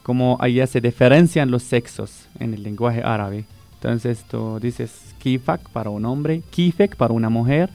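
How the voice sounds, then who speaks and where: A gravelly, dark voice at medium pitch speaks at a moderate pace over soft background music. The speaker, a Palestinian teacher whose first language is Arabic, is a radio guest who patiently explains greetings and says each word twice for emphasis.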